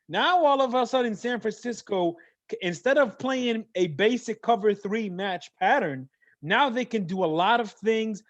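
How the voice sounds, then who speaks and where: Sports show host, high-pitched man, playful and hyped, dry dull lo-fi sound. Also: dry recording. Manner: animated, playful, hype. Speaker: host of a mock draft show. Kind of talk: casual sports talk.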